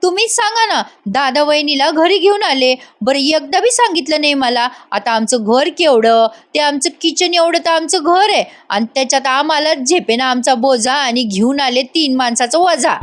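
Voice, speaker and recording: A woman voicing a chatty, sly village wife who talks in rustic country speech and flatters. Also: high voice, moderate pace, few pauses, pitched above the performer's own voice. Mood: gossipy.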